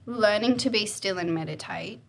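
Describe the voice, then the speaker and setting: A woman's voice: mid-range voice, moderate pace, vocal fry, a little hiss or hum. A woman in her twenties, a podcast guest, talking candidly and animatedly in casual chat. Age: 20s. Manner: candid, animated, acts out quoted voices.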